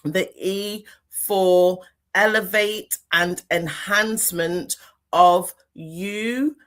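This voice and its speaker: A woman's voice: mid-range voice, very slow, fairly bright tone. A woman hosting a podcast interview over a video call, chatting casually and animatedly, laughing often. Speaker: podcast host.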